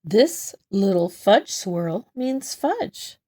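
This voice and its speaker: This is a children's read-aloud: a woman voices a picture book at an unhurried pace. Her tone is gentle and mellow with expressive, animated pitch, and she leans into the key words of the tale.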